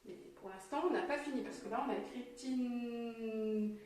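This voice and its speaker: A French woman teacher, slowly and clearly sounding out syllables for young children. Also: on the high side, recorded from a distance, slight background noise. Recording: very echoey room, voice from off mic.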